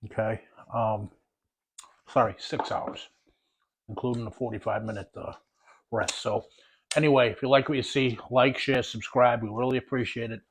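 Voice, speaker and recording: Fairly quick and medium-pitched, this man hosts a barbecue cooking video, walking viewers casually through smoking and saucing ribs before tasting them. He's relaxed and talks with his mouth full as he eats. Slight background noise is audible.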